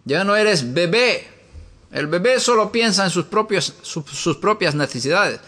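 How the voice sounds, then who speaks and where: A man's voice: high-pitched, animated, a little slow, bright, forceful tone. A man preaching in a teaching style from a room upstairs in his home. He asks many rhetorical questions and tells homely stories.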